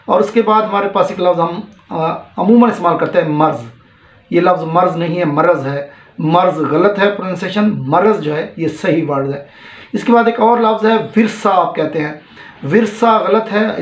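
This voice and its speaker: A middle-aged Pakistani man with a Punjabi-tinged Urdu accent teaches pronunciation patiently, drawing out each word he corrects. His voice sits a little high for a man. The sound rings in a roomy, echoey space. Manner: measured, explanatory, stresses each word slowly. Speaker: retired college principal and teacher. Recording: echoey room.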